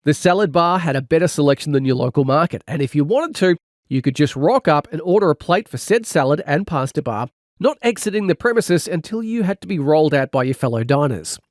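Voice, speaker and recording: A man with a fairly high, animated voice reads briskly through a comic first-person audiobook, playing a wry storyteller who exaggerates everything. The recording is clean studio sound with no echo, and the clip is comedic scripted narration.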